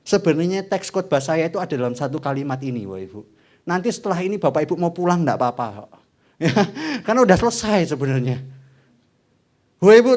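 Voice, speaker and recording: Young guy preaching, high voice that jumps all over. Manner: animated, asks the congregation questions. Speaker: evangelist preacher. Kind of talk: sermon. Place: church.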